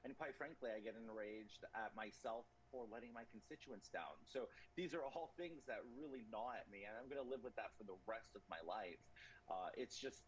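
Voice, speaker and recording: A man in his thirties answering interview questions earnestly, halting and repeating words. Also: mid-range voice, slight background noise, poor audio. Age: 30s. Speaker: interview guest.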